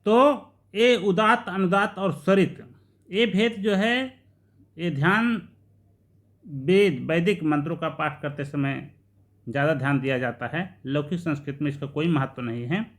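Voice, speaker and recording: A man giving a lesson on Sanskrit grammar, explaining patiently and repeating key terms slowly. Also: fairly high pitch.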